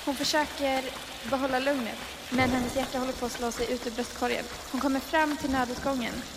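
A woman's voice: high voice, steady tone, long reverb tail, background noise. A woman improvising a horror story, narrating with suspense and building tension.

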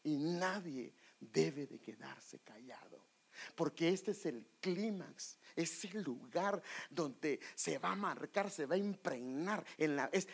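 Husky, lively-voiced preacher teaching on worship. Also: mid-range voice. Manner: animated, asks the congregation rhetorical questions; sings short bits of worship songs. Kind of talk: church teaching talk.

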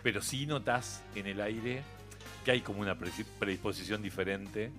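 Bright-voiced Uruguayan man telling stories. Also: lowish voice, steady tone, normal speed, faint music behind. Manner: chatty storyteller, laughs often, many restarts. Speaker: guest. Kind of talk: relaxed radio conversation. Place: radio studio.

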